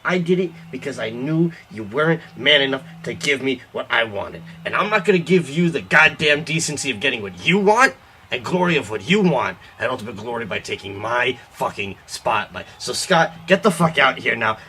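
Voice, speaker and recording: A man's voice: medium pitch, big pitch swings, moderate pace, sharp tone, slight background noise. A man playing an angry, boastful pro wrestler cutting a profane, ranting promo after a few drinks. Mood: ranting, contemptuous. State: has been drinking.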